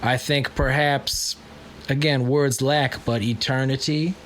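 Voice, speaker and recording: Guy hosting a chill philosophy podcast, thinks out loud, jokey, faint hum of room noise behind. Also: mid-range voice, steady tone, slow pace. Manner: musing, searching for words, jokey. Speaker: podcast host. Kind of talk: casual philosophical chat.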